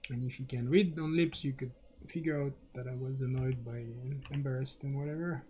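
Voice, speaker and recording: A middle-aged man with a French accent, streaming a game and thinking aloud in halting, casual commentary. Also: mid-range voice, steady tone, warm tone.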